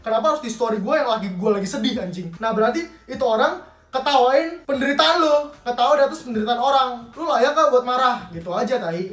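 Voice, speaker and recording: A man's voice: extremely high pitch, a bit bright, recorded from a distance. A young man with Jakarta slang, ranting angrily and swearing a lot in a commentary vlog. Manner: angry, profane, rapid ranting. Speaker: YouTuber. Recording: roomy echo, slightly off-mic.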